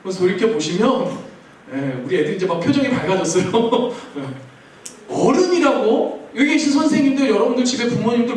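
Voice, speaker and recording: A man, a youth pastor, preaching a sermon to teenagers in a playful way, asking them questions and answering them himself. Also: extremely high pitch. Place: large church hall. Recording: very echoey hall, mic far off, faint room noise.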